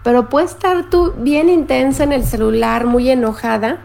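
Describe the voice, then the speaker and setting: Woman with a gravelly voice. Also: sits high, moderate pace. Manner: warm, explanatory, reads viewer comments aloud. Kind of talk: live-stream talk to viewers.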